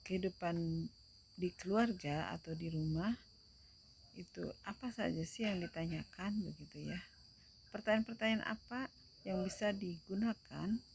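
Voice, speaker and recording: A young woman teacher explains a lesson at a very slow, deliberate pace, often pausing to check that students follow. Her voice sits a little low with a noticeable fry. Faint crickets and insects hum in the background. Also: darkish tone. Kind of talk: recorded video lesson.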